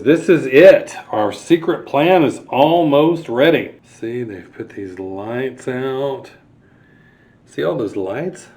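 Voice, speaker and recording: With a medium pitch and a darkish tone, a storytime reader shares a picture book with young children. He pauses to explain the illustrations and put questions to his young listeners.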